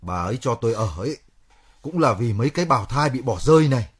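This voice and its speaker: An actor playing a bitter, hot-headed young man who complains loudly in a radio drama. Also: mid-range voice, animated, fast talker, breathy edge.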